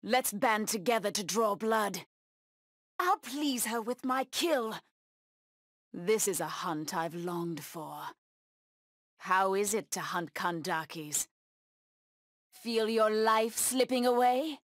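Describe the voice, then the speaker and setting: A woman voicing a savage, proud cheetah-woman huntress in a video game, taunting her prey with deliberate menace. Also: medium pitch, expressive, no room sound, studio quality.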